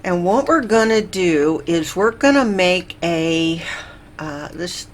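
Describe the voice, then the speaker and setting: Slow, rambling woman gaming host. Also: fairly low pitch, animated. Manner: rambling, filler-heavy, thinks aloud. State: out of breath. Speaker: Minecraft let's play host. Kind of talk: slow, chill gameplay commentary.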